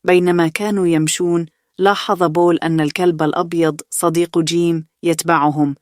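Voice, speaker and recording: A woman narrating a bedtime story in a steady, soothing way. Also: on the low side, brisk, smooth, no echo, clean studio sound.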